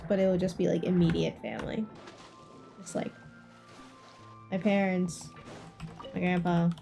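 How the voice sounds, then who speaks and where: A woman streaming live talks casually with her viewers in a mellow, mid-range voice, frequently repeating short phrases while game music plays behind her.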